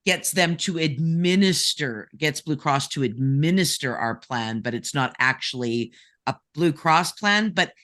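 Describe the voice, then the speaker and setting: A man speaking as a panelist in a casual discussion, halting and restarting often as he explains. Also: on the high side, lively intonation, sharp tone.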